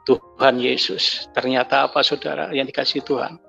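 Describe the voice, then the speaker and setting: A man giving an emotional personal testimony, impassioned, his voice climbing high in anguish. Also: steady tone, moderate pace, gravelly, fairly bright tone. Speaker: testimony speaker. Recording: dull lo-fi audio with faint music.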